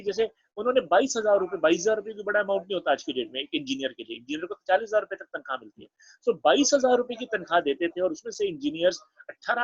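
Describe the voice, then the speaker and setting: A man with an Indian accent teaching a class, explaining with lively everyday examples in a slightly husky voice. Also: high-pitched, no room sound, lo-fi sound. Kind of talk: classroom lecture mixing Hindi and English.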